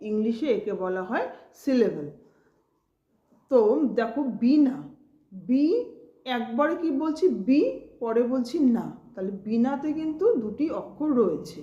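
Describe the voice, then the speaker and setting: Higher-voiced woman teaching in an echoey room. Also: warm tone, dull audio. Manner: patient, asks questions and then answers them herself. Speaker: grammar teacher. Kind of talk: explaining a lesson to students.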